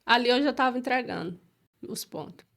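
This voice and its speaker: A woman's voice: on the high side, creaky, fairly bright tone. Earnest Brazilian woman telling her testimony. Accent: Brazilian Portuguese. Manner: earnest, halting, re-enacts her own prayers. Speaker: guest giving a testimony. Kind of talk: emotional church testimony.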